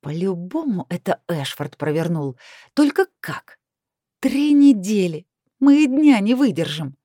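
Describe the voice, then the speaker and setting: A woman voicing a feisty, sharp-tongued young heroine who speaks sarcastically. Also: medium pitch, sing-song, brisk, no echo, studio quality, voice pushed up. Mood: angry. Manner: sarcastic, emphatic.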